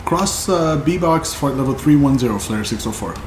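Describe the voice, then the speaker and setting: A man playing an airline captain on a cockpit headset, reading back clearances and making calm, procedural cabin announcements. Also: medium pitch, moderate pace, reverberant, slight background noise. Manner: calm, procedural pilot phrasing. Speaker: flight sim streamer playing airline captain. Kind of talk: role-play radio calls and cabin announcements.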